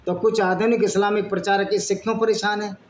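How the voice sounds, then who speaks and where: A man's voice: high voice, flat delivery, a little fast. A man reading passages aloud and breaking into blunt, argumentative asides as a channel host. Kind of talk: reading and commenting on texts. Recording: echoey room with faint background noise.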